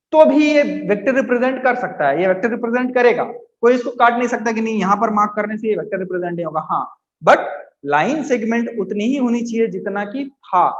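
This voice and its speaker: A man teaching physics to students, coaxing them along and slowly repeating key terms. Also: very high voice. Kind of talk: classroom lecture to students. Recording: echoey room, dull lo-fi sound.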